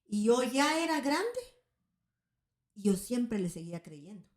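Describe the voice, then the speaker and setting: A woman's voice: on the high side, big pitch swings, a little slow, darkish tone. Earnest woman preaching in an echoey room. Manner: earnest, keeps asking "right?" of her listeners. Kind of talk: sermon-like teaching. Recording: roomy echo.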